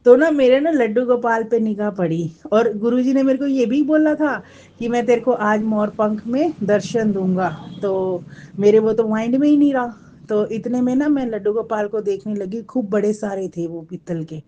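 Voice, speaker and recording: This spoken devotional testimony comes from a married mother whose voice is a little high, mellow, and moderately paced. Earnestly recounting a personal story to her congregation, she frequently repeats what she once said to others. The sound is lo-fi with a bit of background noise.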